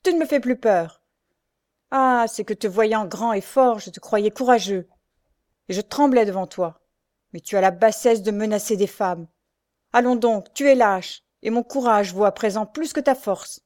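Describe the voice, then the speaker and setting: A woman reading a French novel aloud, voicing a humble young knife-grinder who now stands up defiantly in a loud, firm voice. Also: fairly high pitch, normal speed, close to an everyday voice. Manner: loud, fierce, resolute.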